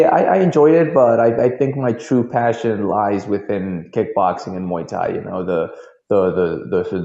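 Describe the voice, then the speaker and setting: A man's voice: fairly low pitch, dark tone. A man in his twenties from Mexico with a Mexican accent, answering casually in an interview and often repeating words as he thinks. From Monterrey, northern Mexico. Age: 20s. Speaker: guest, professional kickboxer. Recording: dull, roomy internet call audio.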